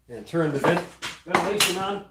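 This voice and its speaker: A man's voice: sits high, heavy background noise. A young man hosting a casual livestream from his home workshop, thinking aloud with many fillers while he works on a project. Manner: working hands-on while talking.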